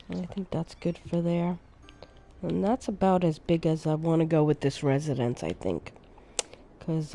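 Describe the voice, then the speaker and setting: A woman streaming a city-building game, casually thinking aloud as she plays and sounding a little sleepy. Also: fairly low pitch. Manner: relaxed, thinking aloud, unhurried. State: sleepy, yawning. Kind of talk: casual gameplay commentary.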